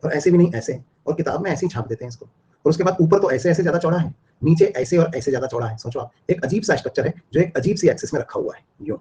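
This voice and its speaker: A man's voice: on the high side, lively intonation, quick pace, warm tone, a little hiss or hum. A man teaching a live online biology class, repeating and drilling his points and asking students questions. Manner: repetitive, drilling explanations, asks students questions.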